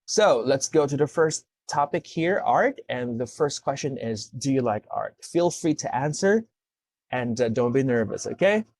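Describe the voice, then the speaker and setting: A man's voice: medium pitch, lively intonation, normal speed, darkish tone, dry recording. Patient male English tutor, dry close voice. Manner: patient, explains step by step with frequent "okay?" checks. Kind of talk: one-to-one speaking lesson.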